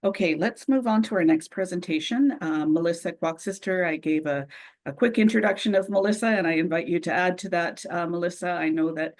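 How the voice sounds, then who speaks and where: Gravelly-voiced woman moderating a forum panel. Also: lowish voice. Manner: warm, appreciative, halting with fillers.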